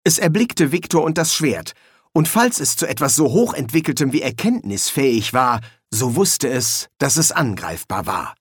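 A man's voice: medium pitch, very animated, normal speed, breathy edge, no room sound, studio quality. A man narrating an audiobook, reading expressively. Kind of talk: scripted narration.

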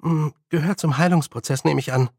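A man reading an audiobook voices a clever young witch girl who reasons calmly. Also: on the high side, a little fast, vocal fry, no echo, studio quality. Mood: matter-of-fact.

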